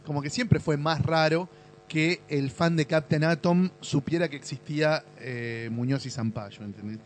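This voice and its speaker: A man's voice: fairly high pitch, normal speed, slight background noise. A middle-aged Argentine man, a guest in a casual podcast chat, who explains at length with asides and tag questions. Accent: Argentine Rioplatense.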